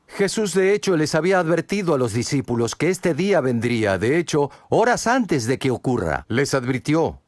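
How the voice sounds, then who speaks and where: A man's voice: fairly high pitch, very animated, moderate pace, no echo, studio quality. A man preaching a sermon, earnest and direct, asking many rhetorical questions and speaking straight to the listener. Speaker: pastor.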